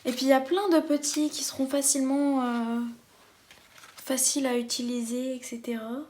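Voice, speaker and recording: A woman's voice: high voice, flat delivery, moderate pace, darkish tone, slight background noise. A woman chatting enthusiastically as she unboxes a craft kit for her viewers. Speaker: craft vlogger. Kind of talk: casual unboxing chat.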